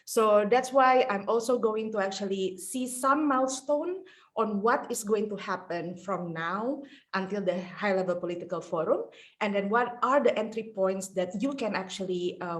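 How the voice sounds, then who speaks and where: Chatty woman from Indonesia presenting. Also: medium pitch. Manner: chatty, fillers like "like" and "right?". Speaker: panel speaker. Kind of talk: conversational presentation. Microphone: video call.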